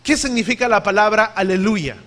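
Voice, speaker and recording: A male preacher delivers a sermon in a high, emphatic voice. He teaches, asks the congregation questions, and spells out words letter by letter. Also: fairly quick, bright, forceful tone.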